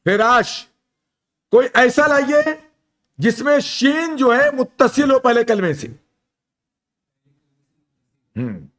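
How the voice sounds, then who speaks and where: A male Arabic teacher leading a classroom lesson, spelling out letters slowly and keeping students engaged with frequent check-in questions. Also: extremely high pitch, sing-song, fairly bright tone. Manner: quizzes students, keeps asking "isn't it?". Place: classroom at an Islamic school.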